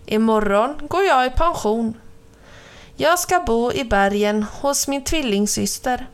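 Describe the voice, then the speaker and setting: Storybook casting: a jolly old nanny goat, put on by a woman, hearty and a bit high. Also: clear, resonant tone, close to an everyday voice. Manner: hearty, calls out loudly. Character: old female goat, cheerful, retiring balloon seller.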